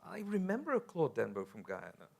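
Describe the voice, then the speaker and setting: A man's voice: mid-range voice, wildly swooping pitch, a little fast, vocal fry, darkish tone. A man interviewing a guest, asking conversational questions and often repeating his opening words.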